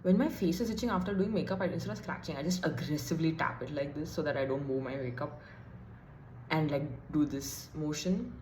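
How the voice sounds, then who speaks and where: Speaking fairly quickly in a low-pitched, darkish voice, a young woman does a casual get-ready-with-me chat while applying makeup. She muses aloud and pokes a bit of fun at herself; the echoey recording carries a little hiss or hum.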